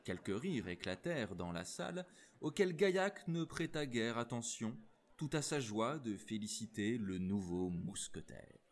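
A man reading a storybook aloud in an expressive, animated narration. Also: medium pitch, a little slow.

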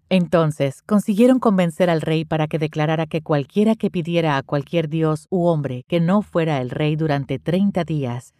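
A woman giving a measured, solemn reading of a Bible passage as a scripted reading. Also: deep voice, warm tone, no room sound, clean studio sound. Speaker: scripture reader.

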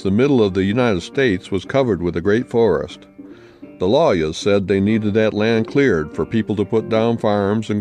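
Boastful storybook uncle, folksy cowboy drawl, low-ish voice, put on by a man reading aloud. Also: darkish tone, lightly acted. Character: tall-tale-telling old uncle in cowboy drawl.

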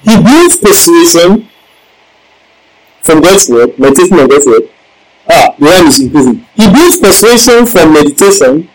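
A man's voice: on the high side, big pitch swings, normal speed, low-quality recording. A male preacher giving a Bible-teaching sermon, emphatic, repeating key lines and asking the congregation questions.

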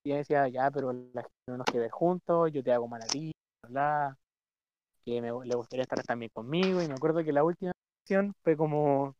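A speaker with a Chilean accent tells a personal story in halting, casual chat, heard through choppy, crackly call audio that keeps cutting out. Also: medium pitch, a little mellow. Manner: halting, searching for words. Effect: choppy, crackly, muffled call audio. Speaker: guest telling a personal story. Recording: dull lo-fi call line, dry.

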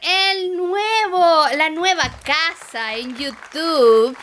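A woman, co-hosting a loose podcast. Her voice sits high and sounds bright and sharp. She talks bluntly and swears freely. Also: extremely slow. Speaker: podcast co-host. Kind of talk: casual podcast banter.

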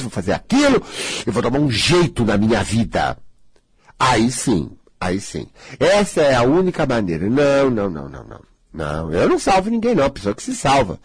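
A man's voice: mid-range voice, husky, no room sound. A man in his sixties from Brazil, a spiritual healer talking casually and bluntly, acting out the voices of others. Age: 60s.

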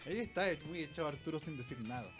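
A man's voice: fairly high pitch, expressive, racing, fairly bright tone. A man with a Chilean accent hosting a casual show, joking, laughing and stumbling over repeated words. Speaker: host. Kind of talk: casual chat. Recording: background music.

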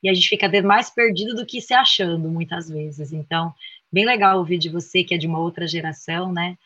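A woman's voice: on the low side, brisk, sharp tone, no room sound. A woman speaking as a guest therapist in a reflective conversation, earnest and heartfelt, often ending her thoughts with a tag question. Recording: dull, dry sound.

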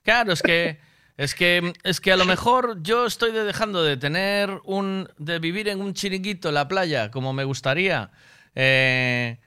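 A man co-hosts a loose radio chat and speaks bluntly and crudely, pushing his points with one question after another. His voice is bright, smooth and clear, and sits a little high. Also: unhurried. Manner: blunt, crude, emphatic, keeps adding "¿sabes?".

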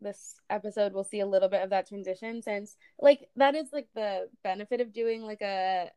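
A woman's voice: medium pitch, moderate pace, warm tone, clean tone, no room sound. A woman co-hosting a casual history podcast, talking in a chatty way with many fillers. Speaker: podcast co-host.

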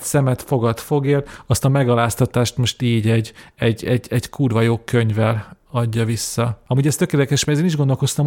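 A man's voice: medium pitch, a little mellow. A young man co-hosting a film podcast, talking casually and often repeating words as he thinks. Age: young adult. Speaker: podcast co-host.

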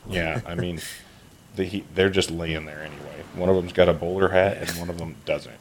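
A man's voice: deep voice, steady tone, normal speed, slight background noise. A man narrating as game master of a tabletop game, casual and chatty, laughing and using lots of fillers.

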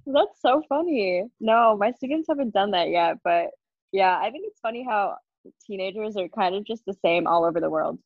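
Relaxed young woman from New Jersey, dull mic. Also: mid-range voice, moderate pace, dry recording. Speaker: podcast co-host, English language assistant. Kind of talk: casual podcast chat.

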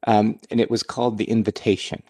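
A man, a co-author hosting the talk, speaking in a relaxed way with many fillers. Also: on the low side, brisk, no echo. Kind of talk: casual conversation.

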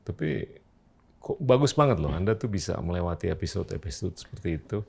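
A man's voice: low voice, animated, brisk, gravelly, husky. A male interview host, asking questions and adding short reflective remarks. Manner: brief backchannels, reflective remarks.

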